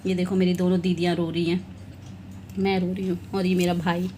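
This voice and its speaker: A woman's voice: on the low side, flat delivery, brisk, warm tone, a little hiss or hum. A young woman vlogging in casual chat as she shows her wedding album, laughing now and then between remarks.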